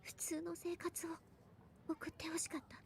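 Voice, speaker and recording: A woman voicing a gentle, secretive teenage girl who speaks softly and half-whispers, in an anime-style game clip. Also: very high voice, completely flat delivery, fast, creaky, slight background noise. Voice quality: soft, hushed.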